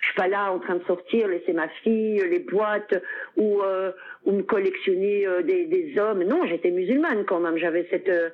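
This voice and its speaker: A woman's voice: medium pitch, normal speed. A middle-aged Belgian woman chatting as an interview guest, talking freely with lots of fillers and laughs. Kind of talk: casual conversational interview. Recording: tinny phone-like line.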